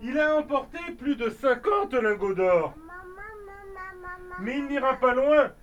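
Village guard, voiced by a father: urgent, high voice, storybook reading, distant mic. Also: expressive, slow pace, muffled recording, a little hiss or hum, exaggerated voice. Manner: urgent, reporting. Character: worried village guard, adult man.

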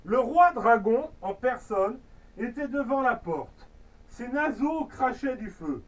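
A woman's voice: a little high, lively intonation, slow, distant mic, rough recording. A woman reading a fairy tale aloud, slipping into playful, chatty asides. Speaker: storyteller.

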